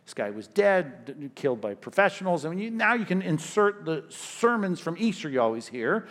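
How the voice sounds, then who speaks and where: A male pastor delivers a sermon in a fairly high voice. His talk is emphatic and repetitive, with punchy stressed lines set against hushed, quieter asides. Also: big pitch swings, moderate pace.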